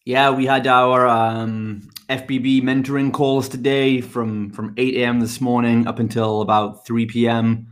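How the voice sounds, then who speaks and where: A middle-aged man from the UK, talking in an upbeat, energetic way as a guest on a podcast interview. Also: mid-range voice. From United Kingdom. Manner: energetic, upbeat, quick answers. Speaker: guest, fitness business mentor.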